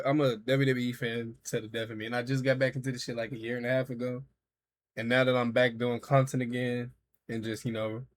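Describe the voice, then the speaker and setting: Slangy man in his thirties streaming. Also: medium pitch. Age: 30s. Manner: loose, slangy and profane, talking to chat. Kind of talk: casual reaction stream.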